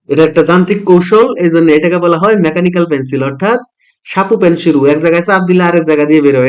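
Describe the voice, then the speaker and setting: A man's voice: high voice, a little mellow. A middle-aged man teaching a vocabulary lesson, repeating words and asking and answering his own questions. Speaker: language teacher.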